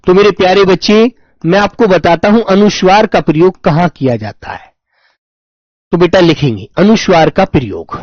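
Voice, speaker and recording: A man teaching an online exam-prep Hindi lesson, dictating slowly, repeating words and calling his students "my dear children". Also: high-pitched, no echo, dull audio. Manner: slow, drawn-out dictation with many repetitions, addresses students as "my dear children".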